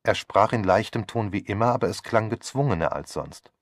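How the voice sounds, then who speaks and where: A man narrates an audiobook in a steady, even way. His voice sits on the low side, and the recording is dry and close, with no room sound. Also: fairly quick, no room sound. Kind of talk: scripted narration.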